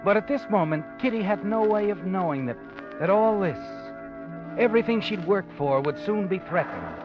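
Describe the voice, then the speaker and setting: An actor playing an ominous, all-knowing night-walking storyteller, narrating a 1940s radio mystery in a brooding, theatrical way. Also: male voice, sits high, lively intonation, normal speed. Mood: foreboding. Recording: dull vintage radio recording. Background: dramatic music.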